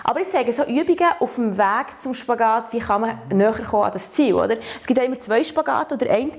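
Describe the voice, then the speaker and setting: This fitness instructor has a Swiss accent and patiently, encouragingly guides a learner step by step through stretches and back exercises, often ending phrases with a questioning "oder?". Her voice is a little high and fast, with lively intonation and vocal fry.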